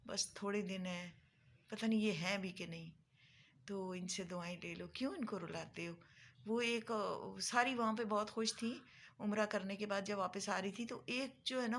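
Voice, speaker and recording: Woman vlogger, mid-pitched, tearful and earnest, repeats herself to press the point. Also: slight background noise. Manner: earnest, pleading, repeats phrases for emphasis. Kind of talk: emotional monologue to viewers.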